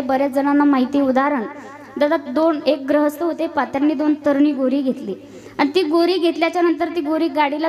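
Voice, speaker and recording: High-voiced woman preaching a kirtan. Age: young adult. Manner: sings devotional verses, then tells a humorous folk story acting out characters' shouts. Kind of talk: devotional kirtan sermon with song and storytelling.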